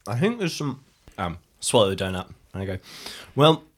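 A man with a lowish, very animated voice plays in an improvised tabletop audio drama. At a moderate pace, he talks casually, hesitant and chatty, in this improvised role-play.

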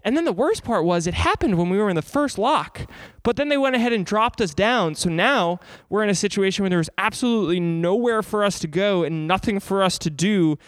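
A man's voice: high voice, lively intonation, fairly quick, dry recording. A man hosting a podcast, telling travel stories in a chatty, informal, explanatory way. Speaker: podcast host. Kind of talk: casual first-person travel storytelling. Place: inside an abandoned church.

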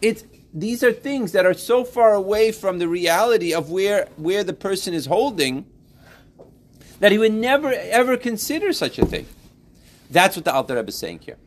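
A man teaching a class, lively and playful, building to emphatic points with everyday examples. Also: high voice, normal speed. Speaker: Torah teacher. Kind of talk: classroom lesson.

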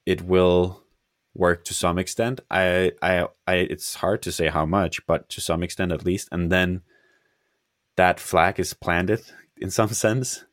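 A man with a low voice talks casually in a close, dry recording. He sounds tired and hesitant, pausing and restarting as he thinks aloud. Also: steady tone, dry recording. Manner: hesitant, halting, trailing off. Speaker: software founder on a podcast. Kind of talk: casual conversational talk.

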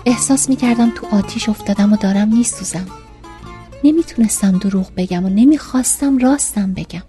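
A woman narrating a first-person diary story in a calm reading voice. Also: mid-range voice, faint music behind. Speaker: audiobook narrator.

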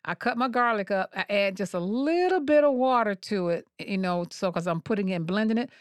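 A woman's voice: mid-range voice, expressive, fairly quick, clean tone, dry recording, clean studio sound. A woman co-hosting a casual food and health chat like a cooking show host, folksy, playful and emphatic, speaking straight to the audience. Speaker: podcast co-host.

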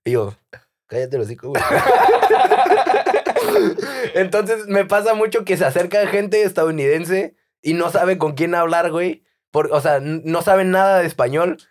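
With a high, expressive voice and a somewhat slow pace, this podcast co-host from Baja California, Mexico swaps stories on a comedy show. His talk is loose and full of slang, with frequent laughter.

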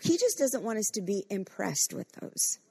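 A woman's voice: medium pitch, big pitch swings, moderate pace, vocal fry, dark tone, breathy edge. A woman pastor preaching a fervent sermon and leading corporate prayer, acting out quoted voices with frequent restarts.

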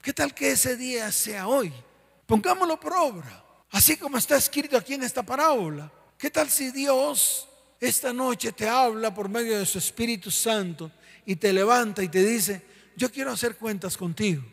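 High-voiced preacher in a reverberant hall. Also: male voice, expressive, normal speed, gravelly, a bit bright. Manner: emphatic, repeats key phrases, asks listeners questions. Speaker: pastor. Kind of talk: sermon.

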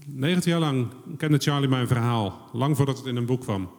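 A man interprets a preacher's testimony line by line, rattling each phrase off quickly and evenly. His voice sits in a middle register for a man, and the church hall leaves a long echo behind him. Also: mid-range voice. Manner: brisk, steady, follows each phrase closely. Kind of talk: live sermon interpreting.

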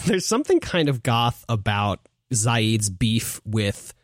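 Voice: medium pitch, slow pace, dry recording, studio quality. A co-host of a video game show chatting casually and laughing often, recording from inside a closet in a vacation house. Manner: laughs often, animated and joking. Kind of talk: casual chat.

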